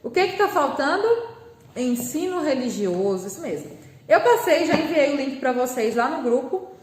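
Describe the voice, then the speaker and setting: A woman with a Brazilian Portuguese accent, teaching a remote class for young children, patient and slow, sounding out words syllable by syllable. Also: high-pitched, expressive, a little mellow, roomy sound. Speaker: primary school teacher.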